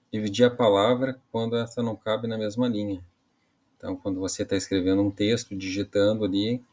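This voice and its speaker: A man's voice: on the low side, darkish tone. A man teaching an online Portuguese grammar lesson, explaining casually, often ending phrases with tag questions and restarting mid-sentence. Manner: casual explaining with frequent "né" and "tá" tags; halting restarts while explaining.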